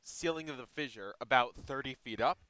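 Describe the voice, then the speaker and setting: A man's voice: mid-range voice, fairly quick, bright, forceful tone, smooth, rough recording. A young man running a tabletop game as game master, talking in a loose, slangy way with lots of fillers.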